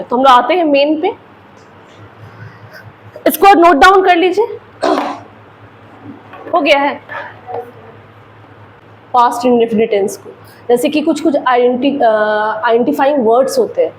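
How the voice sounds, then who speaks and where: A woman's voice: high-pitched, measured pace, pauses often, a little hiss or hum, rough recording. A woman English teacher with an Indian accent, explaining grammar in a patient classroom lecture with repeated examples.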